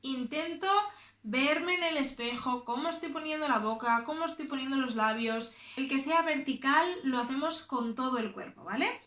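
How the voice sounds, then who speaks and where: Bright-voiced choir coach in an echoey room. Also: female voice, high voice, moderate pace. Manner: demonstrates sung vocalises and animal sounds between explanations. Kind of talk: online singing lesson with vocal exercises.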